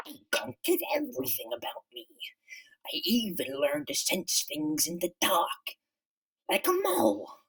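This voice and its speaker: A man voicing a bitter, megalomaniac underground comic-book villain in a slow, theatrical, menacing monologue with a whispery rasp. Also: extremely high pitch, very animated, fairly bright tone, distant mic, voice pushed up, full character voice, low-quality recording. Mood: gloating. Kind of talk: dramatic comic-book reading.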